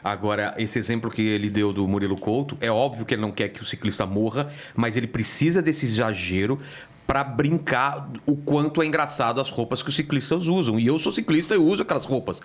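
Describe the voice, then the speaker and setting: Fast-talking man telling comic stories. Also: medium pitch. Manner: animated storytelling, acts out quoted voices. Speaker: comedian. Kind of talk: casual podcast chat. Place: podcast studio.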